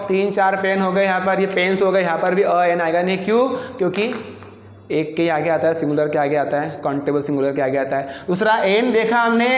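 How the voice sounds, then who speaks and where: Guy teaching english for an exam, high voice, keeps asking the class stuff, big echoey room. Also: dull audio. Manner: chatty, repeats questions to the class. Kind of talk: exam-prep lesson. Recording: echoey room with long reverb.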